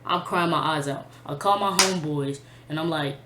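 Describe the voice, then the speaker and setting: A woman's voice: deep voice, moderate pace, noisy background. A woman telling a personal storytime to camera in a blunt, profane, emotional way, full of slang. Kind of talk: casual storytime vlog. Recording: echoey room.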